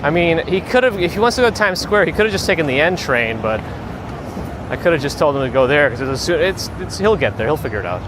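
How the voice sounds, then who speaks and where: Man chatting casually over loud street noise. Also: on the high side, big pitch swings, a little fast. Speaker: live streamer, host. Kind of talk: casual chat with live stream viewers while walking. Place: outdoors, walking on city streets and a bridge. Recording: loud outdoor city traffic noise. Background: traffic, vehicles, urban ambience.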